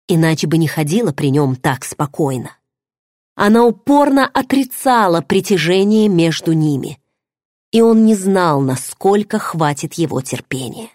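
A woman with a low, husky voice reads a romance novel aloud, bringing feeling and drama to each line. The recording is close and dry, with no room sound. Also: a little mellow, no echo. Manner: emotive, dramatic reading. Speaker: audiobook narrator. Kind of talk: first-person novel narration.

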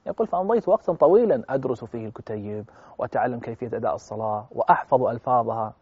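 Fast, husky-voiced male preacher. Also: medium pitch, dry recording. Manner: fervent, swelling loud at emotional peaks, addresses listeners directly. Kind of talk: religious storytelling talk. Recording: dull lo-fi recording.

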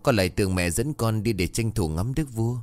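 A man's voice: on the low side, lively intonation, fairly quick, darkish tone, close to an everyday voice. A man voicing a cheeky teenage girl who teases and questions her mother. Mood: teasing.

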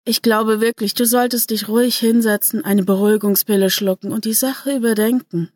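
A woman's voice: a little high, steady tone, a little fast, darkish tone, no room sound, studio quality, close to an everyday voice. A woman reading a story aloud, voicing a cheeky young male gang member who grins and muses aloud. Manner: cheeky, musing.

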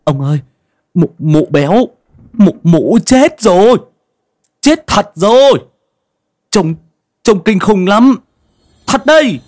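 A man's voice: big pitch swings, slow, long pauses, darkish tone, exaggerated voice. A man voicing a terrified young village man who stammers in panic, in a storytelling reading. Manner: stammering, shrill.

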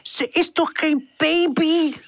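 A woman's voice: high-pitched, big pitch swings, moderate pace, a bit bright, voice pushed up, full character voice. A woman playing a rowdy little puppy boy. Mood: giggly. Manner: giggly, rowdy. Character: wild little male puppy nephew. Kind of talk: audiobook character voice.

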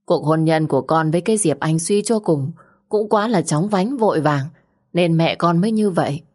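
A woman voicing a calm older father who gives measured, soothing advice. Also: on the low side. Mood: advising.

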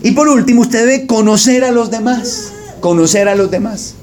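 A man's voice: very high-pitched, normal speed, darkish tone. A man preaching a sermon as pastor, speaking straight to his congregation, joking and mimicking people as he talks. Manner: jokey, mimics voices, addresses congregation directly.

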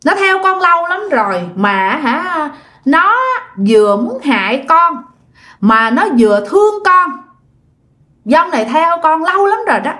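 Woman doing a shrill male spirit. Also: big pitch swings, a little slow, bright, forceful tone, full character voice. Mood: solemn. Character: shrill spirit called "uncle", male, stern and knowing.

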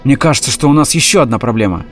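A man's voice: mid-range voice, expressive, rapid-fire, faint music behind, natural voice. A man voicing a nervous, polite male dog who speaks hesitantly in a storybook reading.

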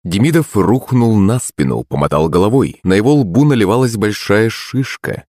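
Deep guy reading an audiobook, lively delivery, dry close sound. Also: normal speed, dry recording. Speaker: narrator. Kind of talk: audiobook narration.

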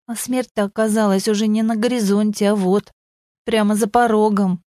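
A woman's voice: medium pitch, steady tone, moderate pace, dark tone, dry recording, studio quality, close to an everyday voice. A woman reading a blunt, resigned woman. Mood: grim.

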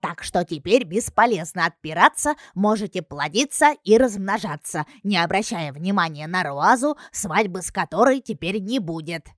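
A sarcastic, impatient companion, as a woman reader voices her, loud and exasperated and quick to huff. She rattles off her explanation with an eye-rolling edge. The recording is dry. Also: fairly low pitch, expressive, dry recording, close to an everyday voice.

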